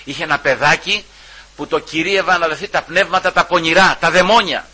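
A man preaching a sermon, repeatedly calling out to his brothers and swinging between loud emphasis and hushed asides. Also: fairly high pitch, steady tone, slightly rough, rough recording.

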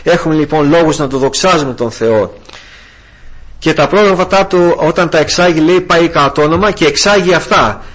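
A man's voice: on the high side, a bit bright. An older man preaching a sermon with fervor, calling his listeners brothers. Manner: fervent, addresses listeners as brothers.

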